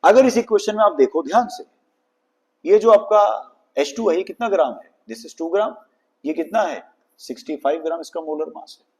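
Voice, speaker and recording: A man teaching chemistry to students, dictating formulas slowly and calling his students children. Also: sits high, animated, darkish tone. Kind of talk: classroom lecture.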